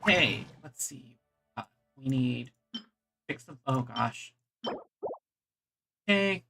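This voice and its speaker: A video game streamer gives casual live commentary, thinking aloud and muttering to themselves as they play. The voice is medium-pitched and expressive, with drawn-out words and vocal fry. Video game music plays behind them.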